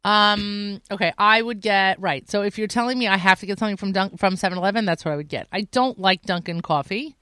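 A woman's voice: medium pitch, bright, forceful tone, smooth, no echo. Dry-witted woman bantering in a studio. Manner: dry, teasing, quick retorts. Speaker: regular segment co-host. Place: radio studio.

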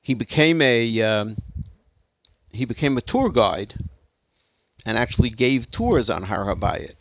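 A man's voice: medium pitch, animated, a little slow, a bit bright, no echo, lo-fi sound. A man giving a lecture to an audience, telling a story emphatically with hesitant restarts. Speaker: speaker giving a talk.

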